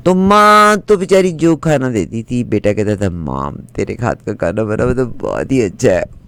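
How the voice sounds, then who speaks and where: A man with a Punjabi accent playing a chatty middle-aged woman who tells a comic folk tale and chants its funny lines over and over. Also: fairly low pitch. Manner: lively, animated narration with repeated chants. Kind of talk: comic storytelling.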